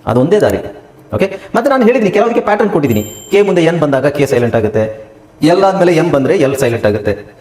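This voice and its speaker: A man teaching an English lesson, explaining letter by letter in a lively, emphatic way. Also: echoey room. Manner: fast sales pitch in the ad. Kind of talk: spoken English lesson with a promo break.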